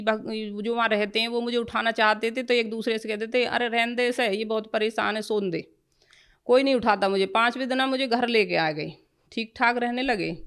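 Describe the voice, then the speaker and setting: A woman's voice: a little high, a bit bright, smooth. A woman giving an earnest, emotional personal testimony in plain colloquial speech.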